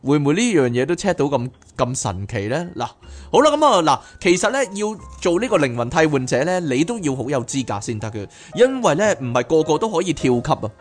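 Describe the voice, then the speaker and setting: A man reads a book aloud as podcast host and breaks off into animated, chatty asides. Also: a little high, brisk, soft background music. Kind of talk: reading a book aloud with commentary.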